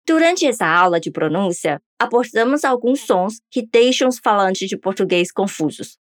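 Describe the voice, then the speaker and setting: An upbeat woman leads a pronunciation podcast lesson and prompts the listener to repeat after her. Her voice sits in a middle pitch. The recording is close and dry. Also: lively intonation, moderate pace, no echo. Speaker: language teacher.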